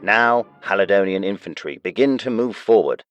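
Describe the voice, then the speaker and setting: A man with a fairly low voice narrates in the style of a wartime newsreel. His delivery is scripted, dramatic and declarative, set over clear background music. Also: expressive, normal speed, fairly bright tone. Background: music under the narration.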